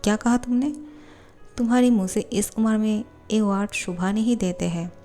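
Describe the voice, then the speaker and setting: A woman's voice: medium pitch, moderate pace, warm tone, faint music behind, natural voice. Woman voicing a caring twelve-year-old boy. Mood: scolding. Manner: pleading, protective. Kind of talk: fan fiction voiceover storytelling.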